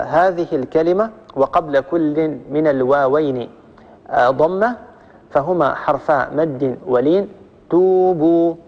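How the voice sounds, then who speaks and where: A man with a Libyan accent gives a patient tajweed lesson, his voice sitting a little high for a man. He goes through each rule step by step and repeats it, stretching out the example words. The sound is dull and hangs in a long hall echo. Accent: Libyan Arabic. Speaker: Quran recitation teacher.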